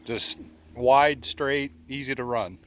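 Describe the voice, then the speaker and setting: A vlogger in his forties with a Midwestern American accent chats casually while interviewing a friend outdoors at an old rural bridge. He speaks slowly at a medium pitch, with slight background noise.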